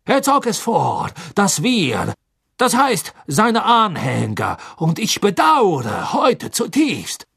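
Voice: mid-range voice, huge pitch swings, slow pace, creaky, fairly bright tone, slightly rough, no room sound, studio quality, voice pushed up, heavily acted. An audiobook reader voicing a cowardly male former follower who speaks hastily and breathlessly, stammering as he pleads. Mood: pleading. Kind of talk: audiobook character voice.

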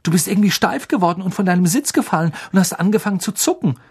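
A man voicing a nervous, excited teenage wizard boy who blurts out a rushed, breathless retelling in an audiobook. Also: high voice, creaky, slightly rough, voice pushed up, exaggerated voice. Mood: nervous, agitated.

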